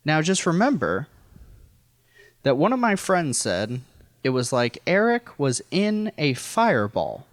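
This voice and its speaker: As a podcast guest, a man from rural Missouri in the United States casually recounts a personal story with wry, self-deprecating humor and profanity. His voice is on the high side, with no room sound.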